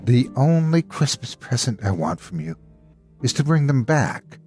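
A man's voice: medium pitch, sing-song, unhurried, a little mellow, faint music behind, pitched above the performer's own voice. A man voicing Dorwin, a worried villager who speaks earnestly and pleads.

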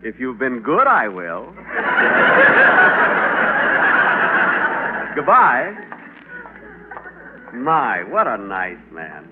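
A man's voice: medium pitch, huge pitch swings, extremely slow, long pauses, heavily acted. A man playing a naive, polite angel messenger who gets easily flustered, in a 1940s radio play. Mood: gentle. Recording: tinny old radio broadcast with loud hiss.

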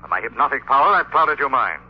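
A man voicing an invisible, menacing male avenger in an old radio drama, slow and looming, dropping low on key words; the voice is husky, with a lively pitch. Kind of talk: 1930s radio drama acting. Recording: muffled old radio broadcast.

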